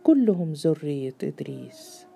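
A woman's voice: low voice, normal speed, warm tone, soft background music. A woman reader voicing a bitter, hot-tempered elder of the clan who speaks sharply.

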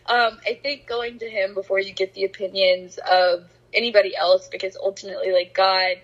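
A woman's voice: mid-range voice, flat delivery, a little fast, highs cut off. A young woman co-hosting a faith podcast, chatting casually, with lots of fillers and some self-mocking sarcasm. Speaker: podcast co-host. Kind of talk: casual chat.

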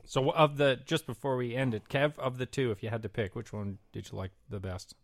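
A man co-hosting a podcast, talking emphatically with deliberate pauses. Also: medium pitch, fairly even intonation, vocal fry, no room sound. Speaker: podcast co-host. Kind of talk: casual podcast chat and comic rant.

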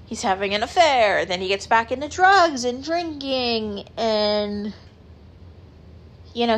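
A woman's voice: mid-range voice, gravelly, a bit bright. A woman hosting a casual chat, rambling with lots of filler words and casual swearing. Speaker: podcast host.

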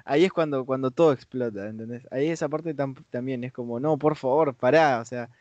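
A man's voice: mid-range voice, quick pace, a little mellow, dry recording, dull audio. A man with a Rioplatense accent in a casual podcast chat, enthusiastic and stumbling over his words. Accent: Rioplatense Spanish. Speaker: podcast co-host.

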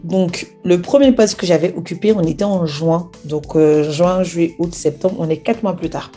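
A young woman tells a personal testimony, replaying each exchange in quoted dialogue. Her voice sits low and sounds mellow and warm. Soft music plays faintly beneath her. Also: normal speed. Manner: animated retelling with acted-out quoted dialogue. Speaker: speaker sharing a personal testimony. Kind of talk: storytelling testimony.

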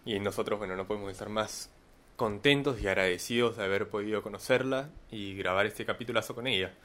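A male podcast host with a somewhat low voice chats in a relaxed, slangy way. He keeps checking in with his listener as he talks. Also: brisk. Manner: loose, slangy, keeps asking "¿me entiendes?". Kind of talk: casual conversation.

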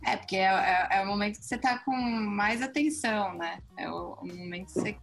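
Brazilian woman interviewer, mid-pitched voice, thoughtful, faint music under. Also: brisk, vocal fry, fairly bright tone. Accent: Brazilian Portuguese. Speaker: interviewer, teacher. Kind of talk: casual interview conversation.

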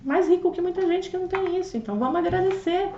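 A high-pitched woman telling a personal story with lots of energy, acting out conversations and dropping to near whispers. She sits a little away from the mic in a roomy space, and the audio sounds dull. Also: fast, distant mic, a little hiss or hum. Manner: expressive storyteller, acts out dialogue, swings between loud and hushed. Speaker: interview guest. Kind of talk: animated personal testimony.

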